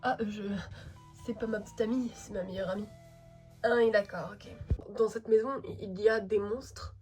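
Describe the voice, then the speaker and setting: A laid-back, curious teenage boy, as a woman voices him, relaxed and teasing. He speaks in a somewhat lowered voice for a fan-made voice drama, with faint music behind. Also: moderate pace, lightly acted. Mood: casual.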